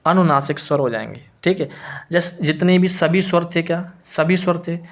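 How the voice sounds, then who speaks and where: A man's voice: fairly high pitch, normal speed. A man teaching a Hindi grammar lesson who keeps repeating his points and answers his own questions. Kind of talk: classroom lesson explanation.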